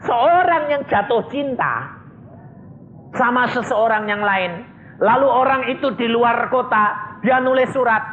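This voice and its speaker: A man preaching a sermon as pastor, swinging between high excited questions and low confiding asides. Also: a little hiss or hum. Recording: echoey room on a thin phone-like line.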